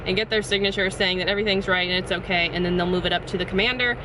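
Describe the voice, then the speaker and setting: A woman's voice: medium pitch, steady tone, very fast. A young adult woman chatting casually and explaining things to camera, sitting in a parked car in pouring rain. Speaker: vlogger. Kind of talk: casual vlog chat to camera. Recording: noisy rain drumming on car. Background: loud rain on the car.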